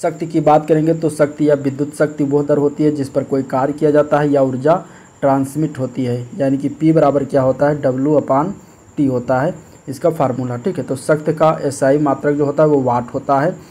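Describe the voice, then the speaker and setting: A man's voice: fairly high pitch, normal speed. A man teaching as an exam-prep tutor, working through practice questions step by step and often checking in with "okay". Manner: steady explanatory, repeats "ठीक है", frequent fillers. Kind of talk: explaining practice test questions.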